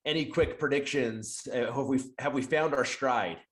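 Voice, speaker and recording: A podcast host chats casually with his guest in an upbeat, enthusiastic way. His voice is medium in pitch and he speaks at a moderate pace.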